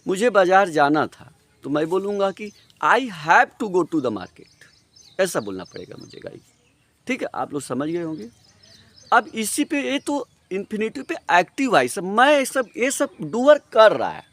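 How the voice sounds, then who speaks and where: A man with an Indian accent teaching an English grammar lesson in Hindi, explaining step by step and repeating example sentences slowly. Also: high-pitched, sing-song, fairly bright tone, no echo.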